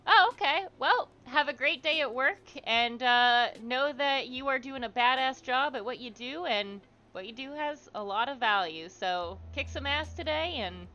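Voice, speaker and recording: A livestream host with a high, expressive, sharp-toned voice speaks a little slowly and with few pauses over lo-fi sound. She reads viewers' comments aloud and chats with them casually, offering support and encouragement.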